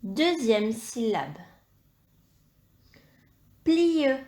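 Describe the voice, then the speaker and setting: Woman teacher, fairly high voice, slow and deliberate, patient, spells out every sound for young kids. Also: very animated, warm tone. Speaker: primary school teacher. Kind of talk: slow, clearly articulated dictation lesson.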